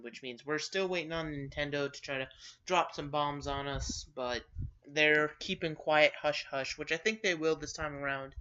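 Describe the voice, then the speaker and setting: A man's voice: mid-range voice, pushed and bright. A man hosting a casual gaming news show, rambling with lots of fillers and self-corrections. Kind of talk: casual video-game news commentary. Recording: dull lo-fi sound.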